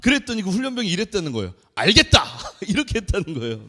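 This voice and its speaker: A young man preaches in a church with a high, expressive voice that leaps up and down as he tells his stories. He acts out the voices of the people in them, and his words ring with a long reverb through the sanctuary. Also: very fast. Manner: animated storyteller, acts out quoted voices. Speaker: junior pastor. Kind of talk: sermon.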